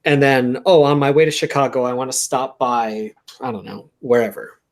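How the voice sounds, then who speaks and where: Man hosting a podcast, mid-pitched. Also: steady tone, normal speed. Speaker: podcast host. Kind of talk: casual chat.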